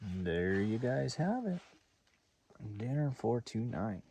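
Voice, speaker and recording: A man's voice: medium pitch, very animated, slow, dark tone. A man chatting casually to the camera as a camping vlogger, informally talking through what he is doing outdoors. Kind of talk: casual chat to camera while cooking and camping. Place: outdoors at a campsite. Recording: noisy outdoor ambience.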